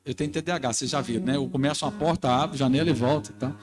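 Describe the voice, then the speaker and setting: A male pastor preaching at a conference, animated, telling stories and acting out his own words. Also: mid-range voice, very fast. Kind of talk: sermon. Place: church conference hall. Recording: preaching with music playing behind. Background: music.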